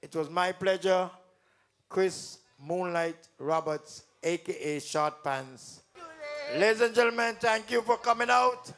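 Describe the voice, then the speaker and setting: Playfully needling the crowd, a calypso tent emcee and comedian from St Kitts hosts the live show in a Kittitian accent. His voice is high and a bit bright, delivered at a measured pace with faint music in the background.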